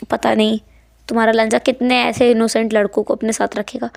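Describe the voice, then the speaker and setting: A woman voicing a young man who is a sympathetic friend, speaking in a calm, consoling way. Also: fairly high pitch, moderate pace, vocal fry.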